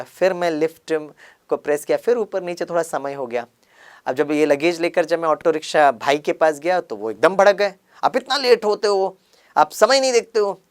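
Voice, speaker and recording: A man's voice: on the high side, smooth. A man giving a sermon as a story, acting out dialogue and dropping English words into his talk. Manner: acts out dialogue in lively voices; mixes English words into Hindi. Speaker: spiritual speaker.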